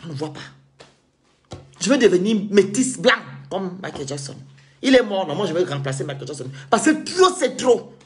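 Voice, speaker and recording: A man's voice: high voice, big pitch swings, normal speed. A man from Cameroon, delivering an indignant, sarcastic monologue rant as a vlogger.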